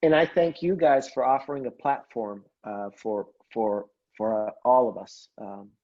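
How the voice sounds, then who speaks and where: A man's voice: mid-range voice, unhurried, lo-fi sound. A man guest on a casual podcast, telling a story eagerly, often restarting his sentences. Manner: enthusiastic storyteller, many restarts. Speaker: cardiologist guest.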